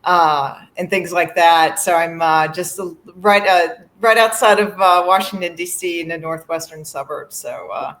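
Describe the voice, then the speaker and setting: A middle-aged woman from Virginia, a musician guest in a casual interview, friendly and quick to laugh, with many fillers. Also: fairly low pitch, a bit bright.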